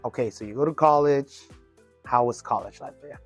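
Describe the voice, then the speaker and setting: A man's voice: mid-range voice, a little fast, slightly rough, faint music behind. A man hosting a casual podcast interview, chiming in often with encouraging affirmations. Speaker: podcast host.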